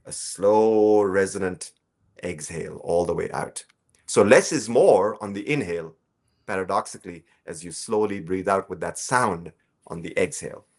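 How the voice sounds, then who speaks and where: Low-voiced guy teaching breathwork, calm and slow, soft guiding tone. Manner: calm, slow explanatory teaching with drawn-out phrases; soft guiding instructions during practice. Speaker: breathing instructor. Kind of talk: guided breathing lesson.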